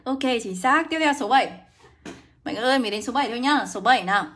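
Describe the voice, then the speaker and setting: A young woman runs a live English lesson. Her voice is bright and a little high, and she talks in a brisk, coaxing way. She keeps calling out to her viewers by name as she goes. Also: animated. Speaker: English teacher. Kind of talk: livestream lesson.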